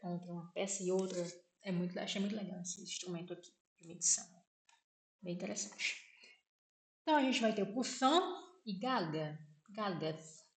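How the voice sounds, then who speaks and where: A Brazilian woman with a Brazilian Portuguese accent gives a casual spoken lesson, slowly repeating words and often checking with "né?". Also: on the low side. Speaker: vlogger teaching vocabulary. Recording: echoey room.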